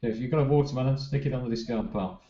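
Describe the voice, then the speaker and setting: A man's voice: mid-range voice, racing, warm tone, roomy sound, dull audio. A man hosting a casual board game session, patiently explaining the rules step by step.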